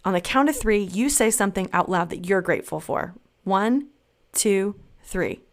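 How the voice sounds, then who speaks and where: A woman hosting a children's faith podcast, talking cheerfully and slowly to kids. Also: mid-range voice, animated. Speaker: podcast host.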